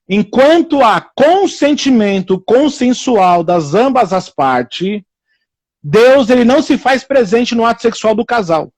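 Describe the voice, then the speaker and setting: Male preacher, high-pitched, dry close mic, animated and repetitive. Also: no echo. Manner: repetitive, animated, acts out quoted people in raised voices. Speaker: evangelical preacher hosting a live stream. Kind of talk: informal preaching on a live stream.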